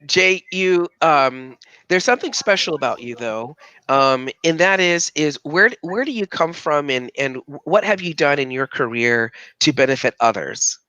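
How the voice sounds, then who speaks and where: A male host with a bright, slightly high voice chats with an upbeat, eager manner. His sound is close and dry, with no room around it. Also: animated, a little slow, clear, resonant tone, dry recording, highs cut off. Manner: upbeat, warmly enthusiastic. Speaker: host, interviewer. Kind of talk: casual interview talk.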